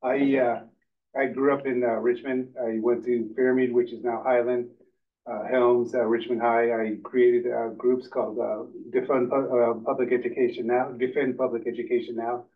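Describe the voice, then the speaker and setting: An older man introducing himself at a public committee meeting, listing his civic roles in a halting way with many pauses. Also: medium pitch, flat delivery. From Finland, raised in California. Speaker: committee member, neighborhood council chair. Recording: distant, phone-like meeting recording.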